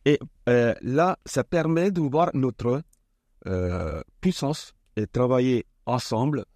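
A man guesting on a radio show, explaining his event in a halting way with many pauses. His voice is mid-pitched and heard up close and dry. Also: animated, a little mellow, dry recording. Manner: hesitant, many fillers and restarts. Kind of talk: casual radio interview.

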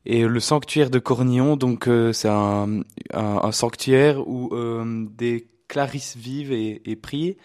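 Young man, measured speech. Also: mid-range voice, darkish tone. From Liège, Belgium. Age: young adult. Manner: measured, some hesitations. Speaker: theology student guest. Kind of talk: radio interview.

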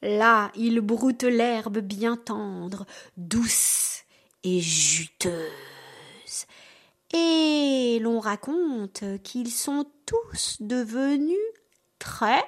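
A woman's voice: on the high side, expressive, drawn-out words. A woman reading a fairy tale aloud expressively, with playful sound effects. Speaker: storyteller.

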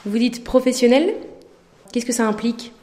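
A woman's voice: fairly high pitch, normal speed, warm tone. A woman journalist asks conversational interview questions, her voice echoing in a bare room like a warehouse. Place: echoing indoor room in a care home. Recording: echoey, resounding room.

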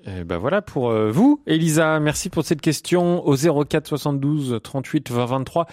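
A man hosting a radio phone-in, relaxed, reading out listener questions. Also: fairly high pitch, normal speed, dry recording, clean studio sound. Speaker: radio host. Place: radio studio.

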